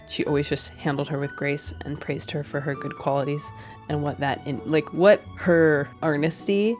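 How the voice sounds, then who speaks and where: Talking reflectively and casually to camera, a streamer and video creator with a head cold sounds low-voiced, a bit nasal and darkish in tone. She rambles earnestly, full of restarts and fillers, over faint background music.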